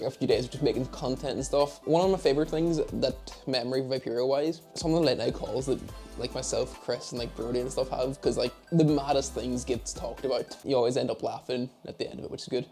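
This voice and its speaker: Soft music plays as a nineteen-year-old esports head of media from Derry, Northern Ireland, fields Q and A questions on camera in his home office. His mid-range voice is steady, quick and dark-toned, and his Northern Irish chat wanders into self-mocking asides.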